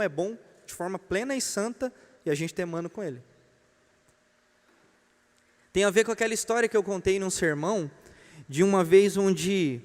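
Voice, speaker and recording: A Brazilian man teaches a church class in a fairly high voice, mixing doctrine with joking stories and calling the room his brothers. His voice rings with the long reverb of a church hall. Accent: Brazilian Portuguese.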